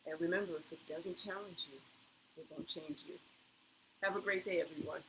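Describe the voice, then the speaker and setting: Workout-video instructor: mid-range voice, relaxed step-by-step coaching, reassuring tone. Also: mid-range voice, brisk, background noise. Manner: chatty, talks through each move step by step; encouraging, reassuring. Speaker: fitness instructor.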